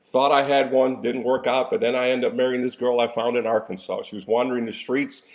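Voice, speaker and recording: A man in his sixties who works as a coach and pastor gives a casual motivational talk, dropping in folksy, preacherly asides and coughing now and then. His mid-range voice is delivered flatly and briskly, with background noise behind it.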